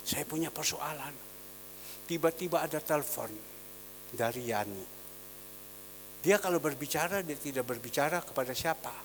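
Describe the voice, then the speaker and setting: Male pastor, sermon, loud then hushed delivery, long church reverb, faint hum. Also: medium pitch. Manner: swings between loud exhortation and quiet storytelling. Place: church hall.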